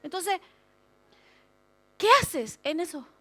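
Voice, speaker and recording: A woman pastor preaching a lively sermon, acting out prayers and complaints with humorous asides. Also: extremely high pitch, slow pace.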